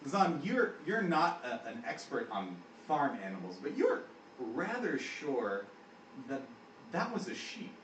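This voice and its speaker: Lively game master, man, laughs a lot, far-off roomy sound with faint ambience. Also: fairly high pitch, unhurried, slight background noise. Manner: animated, laughing storyteller. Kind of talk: narrating a tabletop game. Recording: echoey room from far off.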